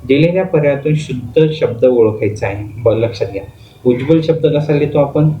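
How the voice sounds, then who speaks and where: A man's voice: mid-range voice, a little fast. A male teacher giving an exam-prep grammar lesson, explaining step by step by asking questions and answering them himself. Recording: phone-like lo-fi audio with faint noise.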